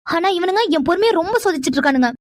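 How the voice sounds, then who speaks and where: A woman voicing a hot-tempered young woman in a cartoon, talking sharp and exasperated. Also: very high voice, expressive, rapid-fire, no echo, clean studio sound. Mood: irritated. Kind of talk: cartoon voice acting.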